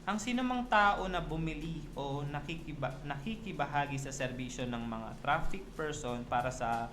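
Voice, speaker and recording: Man, police officer guest, formal measured explanation, reads legal terms, slightly high voice, faint hiss. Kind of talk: explaining laws and penalties on radio. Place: radio studio.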